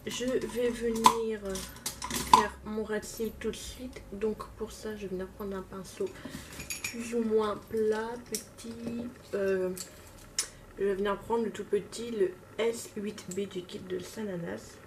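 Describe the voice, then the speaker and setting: Woman beauty vlogger, self-mocking and relaxed, casual tutorial talk; distant mic, noisy room. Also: medium pitch, slow pace. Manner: chatty, self-mocking, talks while working. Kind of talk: casual makeup tutorial chat. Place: home, at a makeup table.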